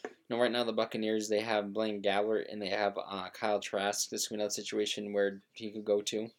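Low-voiced man chatting about football, halting. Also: flat delivery. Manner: reads news with many fillers and restarts. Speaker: sports talk co-host. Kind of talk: casual sports chat.

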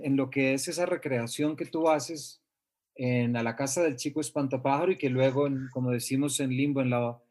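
A man from Colombia acts as interviewer in a literary conversation. His pitch is medium, and he builds his questions tentatively, repeating words and circling toward the point. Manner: tentative, circling phrasing with repetitions.

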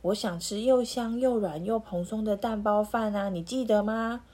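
Woman doing a bossy, excitable wolf. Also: mid-range voice, moderate pace, natural voice. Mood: eager.

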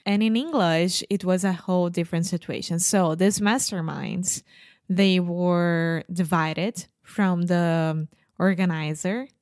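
A woman's voice: on the low side, steady tone, slow pace, a little mellow, dry recording, studio quality. A Brazilian woman, a native Portuguese speaker, co-hosting a podcast in careful English, often restarting and searching for words. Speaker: podcast co-host. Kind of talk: casual podcast chat.

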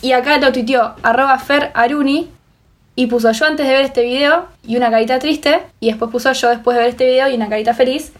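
High-voiced young woman, blunt and teasing. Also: fairly even intonation, a little fast. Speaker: podcast co-host. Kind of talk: casual chat.

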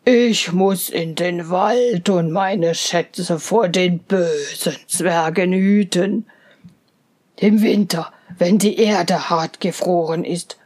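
A woman voicing a large, gentle male bear in a fairy tale reading, speaking slowly and low, trailing into whispers. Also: breathy edge.

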